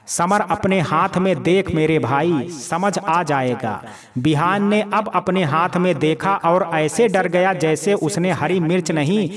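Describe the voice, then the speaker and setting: Guy reading out a family audio story, slow and high, names who talks before each line, crowd noise behind. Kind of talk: scripted story narration.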